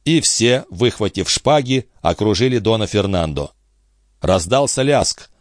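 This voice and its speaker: A man narrating an adventure novel as an audiobook, in a dramatic, expressive reading. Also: lowish voice, a little slow, no room sound, clean studio sound.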